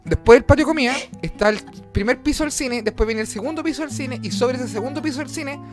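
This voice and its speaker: A man's voice: very high voice, fast talker. A young Chilean man telling a long story in casual chat, rambling and slangy, swearing and acting out voices. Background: guitar music.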